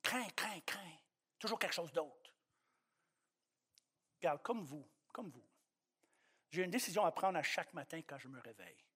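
A middle-aged man preaching a sermon as pastor, swinging from loud emphatic declarations to quiet joking asides. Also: a little high, animated, normal speed, long pauses, breathy edge.

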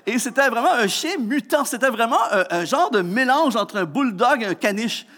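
High-voiced Québécois preacher, lively and humorous. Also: male voice, normal speed. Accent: Québécois French. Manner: animated, humorous storytelling with frequent restarts. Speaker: pastor. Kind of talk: sermon with personal anecdote.

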